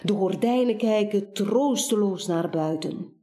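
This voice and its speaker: A woman reading a children's story aloud, expressive and speaking to the listener. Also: medium pitch, measured pace.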